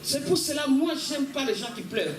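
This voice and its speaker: A man preaching a sermon in French, pausing for an interpreter and calling out alleluia. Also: very high-pitched, expressive, crowd noise. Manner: fervent, calls out alleluia, quotes scripture. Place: church hall. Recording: echoey church from a distant mic with congregation.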